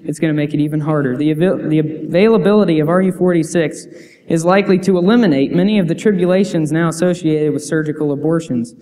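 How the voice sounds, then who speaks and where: Speaking in a fairly high, mellow voice, a young adult youth preacher gives an earnest sermon in a church sanctuary. He reads scripture quotes aloud and restarts frequently, and the recording carries the reverb of the church hall.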